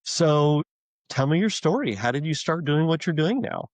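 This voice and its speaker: A man's voice: fairly high pitch, lively intonation, normal speed, dry recording, poor audio. A man hosting a podcast interview, reading a scripted intro and then asking questions in a casual way. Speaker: podcast host.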